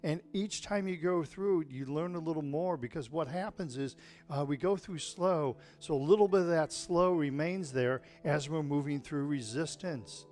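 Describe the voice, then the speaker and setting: A man's voice: fairly high pitch, normal speed, darkish tone. A man teaching tai chi in an informal, explanatory and encouraging way, often checking in with his listeners. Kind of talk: informal spoken class instruction.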